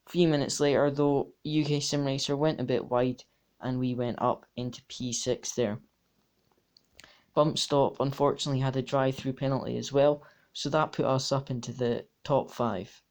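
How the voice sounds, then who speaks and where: Male sim racer, voice-over commentary, matter-of-fact, mid-pitched voice. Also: fairly even intonation, normal speed, a little mellow. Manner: matter-of-fact, talks through laps turn by turn. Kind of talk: race replay commentary.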